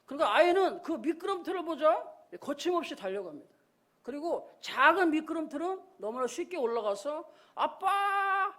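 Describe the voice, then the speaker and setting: A man's voice: extremely high pitch, fairly bright tone. A male pastor giving a Sunday sermon, telling a story and acting out the voices in it.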